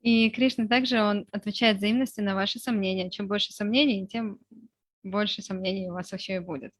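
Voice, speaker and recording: A woman speaks a translation voice-over, rendering a talk phrase by phrase as a live interpreter on a video call. Her voice sits at an ordinary middle pitch and comes through dry, with no room sound. She works in measured short chunks with small hesitations. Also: steady tone, no room sound. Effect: live spoken translation, voiced over the speaker's talk. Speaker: consecutive interpreter into Russian. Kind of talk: consecutive interpretation.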